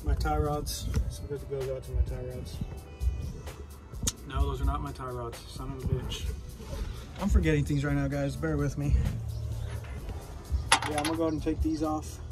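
A man in his twenties chatting casually to camera in a slangy, sweary way while lying under a truck. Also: on the high side. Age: 20s. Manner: swaggering, slangy, heavy swearing. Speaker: DIY car repair vlogger. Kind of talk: casual vlog chat to camera. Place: under a truck at a home garage.

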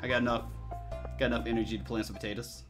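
A man with a mid-pitched voice casually narrates his own video game play. He is laid-back, often talking to himself in short bits, with music clearly playing behind him. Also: little pitch movement, very fast. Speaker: video game player and commentator. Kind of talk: casual let's play commentary.

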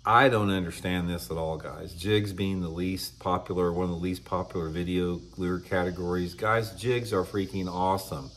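A man in his fifties hosting a fishing channel, talking casually to camera indoors. He is blunt and opinionated and clears his throat often. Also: low-pitched, fairly even intonation, moderate pace, few pauses, a bit bright, a little hiss or hum. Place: indoor room with shelves of tackle.

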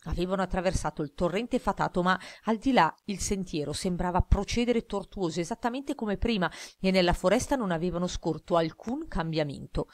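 Woman reading a novel aloud, lowish voice, dry studio sound. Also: brisk, hardly any pauses, a little mellow, no echo. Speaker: audiobook reader. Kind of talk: scripted narration.

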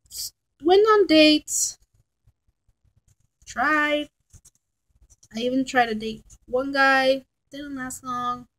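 Thirty-year-old woman, fairly high voice, chatty rambling vlogger at a close laptop webcam in a bedroom. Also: rough recording. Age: 30s. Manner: rambling, chatty, frank and exasperated. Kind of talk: casual rambling vlog. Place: bedroom at home, indoors. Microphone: laptop webcam at close range.

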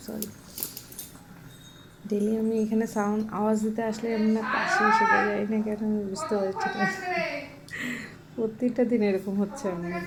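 A woman vlogging casually from her home kitchen, chatty and repetitive as she explains the cooking, sometimes speaking softly. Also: mid-range voice. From Bengal. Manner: chatty, repeats herself while explaining; speaks softly so as not to wake a sleeper. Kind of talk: casual home vlog narration. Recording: loud kitchen noise behind.

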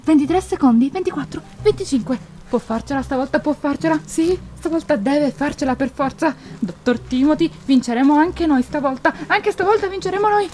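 A woman hosting a playful pool challenge vlog, fussing and counting out loud beside a swimming pool. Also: high voice, a little fast, a little hiss or hum. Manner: fussy, excitable, counting out loud. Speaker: vlog host.

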